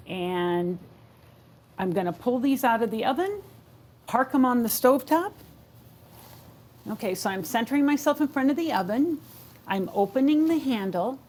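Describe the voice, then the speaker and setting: A woman's voice: mid-range voice, darkish tone. Woman instructor narrating a step-by-step demonstration. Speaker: instructor demonstrating a kitchen aid for people with sight loss. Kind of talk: spoken how-to demonstration. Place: home kitchen.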